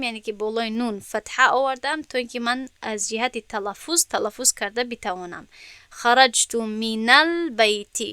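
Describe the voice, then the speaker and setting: A woman with a Tajik-influenced Persian accent teaches an Arabic grammar lesson and works through each example step by step. Her voice is bright and crisp and sits a little high. She often stops to ask her students whether they have understood. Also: dry recording. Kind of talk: classroom lesson explanation.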